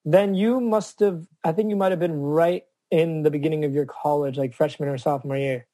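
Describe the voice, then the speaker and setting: Man, podcast guest, mellow warm tone, dry close mic, earnest, reflective. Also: on the high side, fairly even intonation, brisk, dry recording. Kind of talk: casual interview chat.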